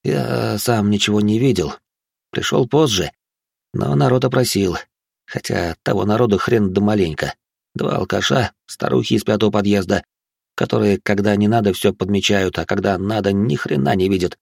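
A man's voice: on the low side, normal speed, vocal fry, a little mellow, no echo, studio quality. A man reading an audiobook, voicing a gloomy, tipsy middle-aged male beat cop who grumbles in a world-weary way. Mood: grumbling.

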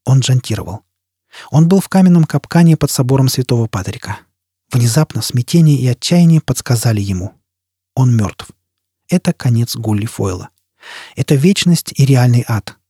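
A man narrates an audiobook in a steady, measured reading. His voice is dark and husky, and the recording is dry and close, with no room sound. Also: medium pitch, no echo.

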